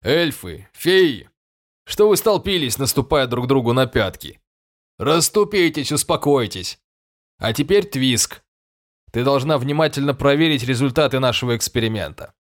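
A man's voice: mid-range voice, expressive, moderate pace, voice pushed up, close to an everyday voice. A man voicing a grumpy, drowsy fairy king who speaks in an irritable, drawling way.

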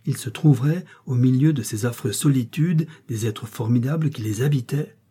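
Husky, dark-voiced male audiobook narrator. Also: mid-range voice. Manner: measured dramatic reading. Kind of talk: scripted narration of a classic novel.

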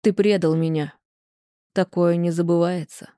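An audiobook reader voicing a tired, guarded woman turning away her ex-husband, calm and restrained. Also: fairly low pitch, unhurried, no echo, clean studio sound, lightly acted. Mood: sad.

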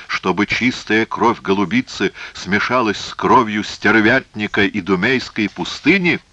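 A man's voice: fairly low pitch, dry recording, highs cut off, pitched above the performer's own voice, full character voice. A man reading as a vicious, enraged young prince. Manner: shouting, venomous.

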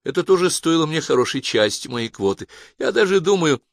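A man voicing a detached man absorbed in thought, speaking slowly with a raised pitch. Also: very animated, creaky, dry recording, studio quality. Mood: musing.

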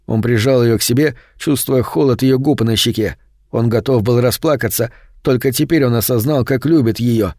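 A man narrating a horror audiobook in a steady, measured way. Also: mid-range voice, no echo, clean studio sound. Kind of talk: scripted narration.

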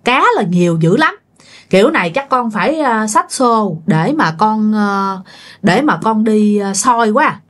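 A woman's voice: medium pitch, expressive, a little slow. A woman telling a ghost story in a casual, chatty way, often speaking straight to her listeners. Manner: chatty, addresses listeners directly.

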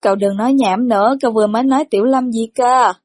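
Woman playing a gruff, scolding older brother. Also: on the high side, quick pace, a little mellow, dry recording, clean studio sound, close to an everyday voice. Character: stern, irritable older brother, young man.

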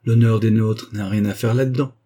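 A man reading an audiobook voices a courteous, patient old aristocratic baron, a bit higher than his own voice. The voice is mellow and slightly husky. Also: fairly even intonation, moderate pace, lightly acted. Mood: exasperated.

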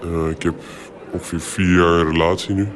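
A man in his twenties, an anonymous interviewee whose voice is distorted and pitched down very deep so he cannot be recognised, speaking hesitantly with many filler sounds. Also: little pitch movement, brisk, slight background noise. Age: 20s.

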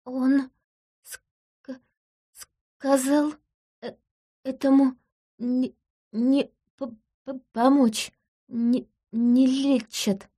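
A timid young woman, voiced by a woman, who stumbles over her words and stammers in fear. Her voice sits a little high, soft and hesitant. It is audiobook dialogue. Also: lively intonation, husky. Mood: frightened, stammering. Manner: stammering, halting.

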